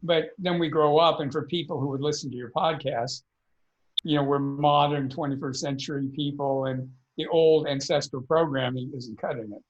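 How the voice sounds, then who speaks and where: A man's voice: a little high, steady tone, normal speed, highs cut off, slight background noise. A man, a podcast guest, earnestly explaining energy work in a conversational interview, often repeating words as he thinks.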